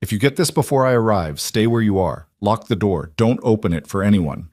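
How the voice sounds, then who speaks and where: A man's voice: lowish voice, animated, fairly quick, a little mellow, no echo, studio quality. A man voicing a curt commanding crime boss. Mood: urgent worried. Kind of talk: audiobook character reading.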